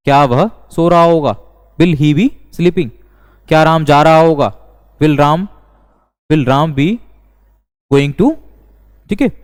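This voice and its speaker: Man, grammar teacher, smooth resonant voice, slow and repetitive, reverberant room. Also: on the high side. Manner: slow, deliberate, repeats each sentence. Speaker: English teacher. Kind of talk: classroom grammar lesson. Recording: long reverb.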